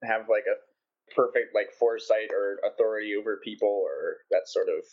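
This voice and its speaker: A man's voice: lowish voice, brisk, lo-fi sound. A man bantering casually with friends as a gaming podcast regular.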